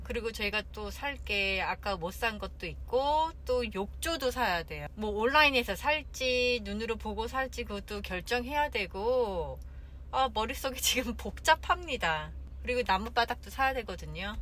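A vlogger in her thirties chats casually to a phone camera held at arm's length, moving between a car interior and shops while exclaiming and sighing. Her voice is on the high side, a bit bright, with lively intonation and normal speed, and a little hiss or hum.

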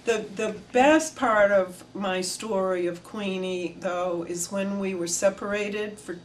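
An elderly oral history interviewee recalls her past with animated storytelling, her hands gesturing throughout. She talks slowly at medium pitch, indoors before flags, and a little hiss or hum is audible.

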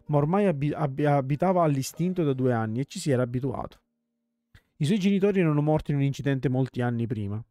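A man reading a game's story text aloud as a let's play host, calm storytelling with small slips and restarts. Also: medium pitch, no echo.

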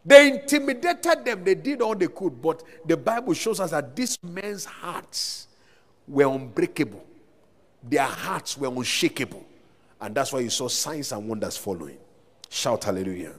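A man's voice: mid-range voice, lively intonation, normal speed, slightly rough. A man preaching a sermon as pastor, calling out to the congregation between scripture readings, recorded live in a large church hall. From Nigeria. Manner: preaching with rising calls to the congregation. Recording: long hall reverb.

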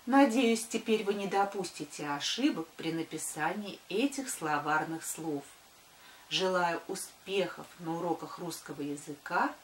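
A woman's voice: fairly low pitch, measured pace, a little hiss or hum. A woman, a primary school teacher giving a scripted address to pupils. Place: small wood-panelled room indoors. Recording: echoey room.

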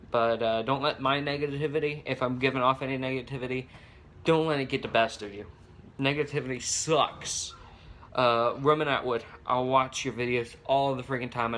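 A man's voice: mid-range voice, fairly bright tone, a little hiss or hum. A young man making a casual home vlog on his phone, rambling with many restarts and fillers. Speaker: vlogger. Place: home with babies heard nearby. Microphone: phone camera.

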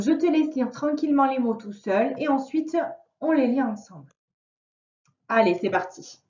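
Slow, patient woman teaching reading. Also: on the high side, a little mellow. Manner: slow, patient, sounds out words syllable by syllable. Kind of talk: reading lesson for a young child. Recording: roomy, distant, dull lo-fi sound.

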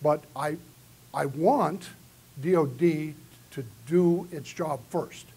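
Speaking slowly, a man with a slightly high, mellow voice, slightly rough with vocal fry, gives an earnest keynote lecture in a large hall. He answers audience questions too. The audio comes from a far camera among the audience.

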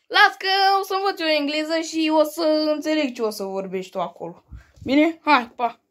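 A woman acting out a family comedy sketch, quick and bickering, with frequent swearing. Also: high-pitched, fairly bright tone. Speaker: sketch comedian playing several family roles.

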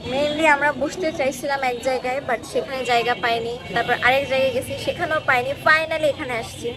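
A woman's voice: high-pitched, steady tone, fairly quick, crowd noise. A woman family vlogger chatting playfully and teasing friends as she films her day. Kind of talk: casual vlog chat. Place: outdoor fair and home.

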